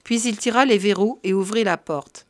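A woman narrating a story in a measured, even reading voice. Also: mid-range voice, no echo, clean studio sound. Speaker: reader.

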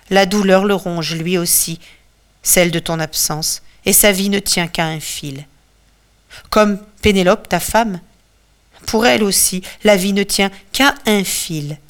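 A woman voicing the ghost of a loving older mother who speaks slowly and tenderly. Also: fairly low pitch.

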